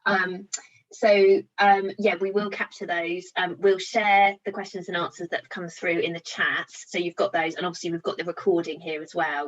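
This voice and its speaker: A woman's voice: lowish voice, muffled recording. A woman hosting an online question session over a video call, chatty and full of fillers. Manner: chatty, many ums. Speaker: event host. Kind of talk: hosting a webinar Q&A.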